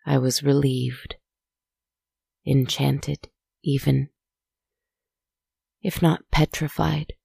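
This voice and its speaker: A woman softly narrating a guided relaxation story in a hushed, soothing, spa-like manner, with deliberate, poetic phrasing. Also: a bass voice, fairly even intonation, creaky, husky, no echo.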